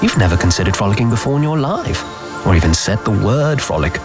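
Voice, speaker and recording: A man narrating a mock guided-meditation advert with deadpan instructions. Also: fairly low pitch, fast talker, over music.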